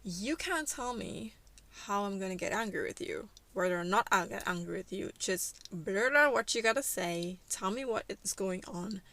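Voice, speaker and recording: A woman playing a sharp-tongued young fiancee in a life-sim story, impatient and demanding. She speaks at a middling pitch, close to the narrator's own voice. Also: animated, normal speed.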